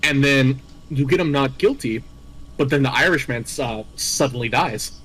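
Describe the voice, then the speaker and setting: A man's voice: medium pitch, normal speed, a bit bright, a little hiss or hum, rough recording. Rambling laid-back male game host. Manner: rambling, laughing, self-correcting storyteller. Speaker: host recapping game villains. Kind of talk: casual chat.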